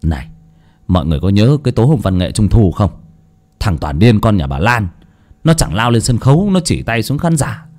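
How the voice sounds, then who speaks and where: A man voicing a gossipy, superstitious fifty-year-old villager who talks quickly. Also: lowish voice, very animated, darkish tone. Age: 50s.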